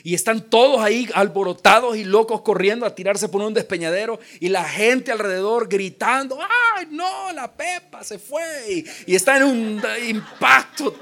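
A pastor from El Salvador preaching a lively sermon, joking and acting out the voices in the story. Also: male voice, high-pitched, normal speed, hardly any pauses. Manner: animated preaching with jokes and acted-out voices.

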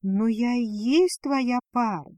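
A woman reading a storybook, voicing a young female dragon bride who speaks soft and breathless. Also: a little high, slow, dry recording. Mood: tender.

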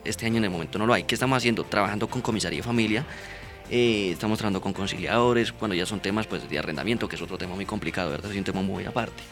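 A man, a police mediator explaining his work in a radio interview, earnest and often asking "right?". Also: fairly low pitch. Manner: earnest, explanatory, frequent "¿verdad?" and "¿sí?" tags.

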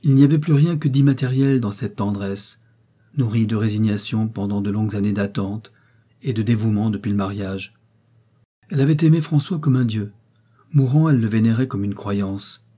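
A man narrating a novel as an audiobook, with a steady, expressive literary reading. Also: lowish voice, normal speed.

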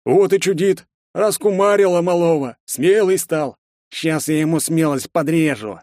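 A man's voice: fairly high pitch, lively intonation, a little slow, darkish tone, no room sound, studio quality, voice pushed up. A man voicing a crude, jeering young male thug sidekick in an audiobook. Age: young adult. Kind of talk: audiobook character voice.

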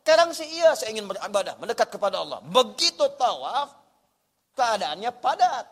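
A male preacher giving a sermon, lively, dropping to hushed storytelling and rising to loud urging. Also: high-pitched, a little fast. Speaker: ustaz, preacher. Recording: long hall reverb.

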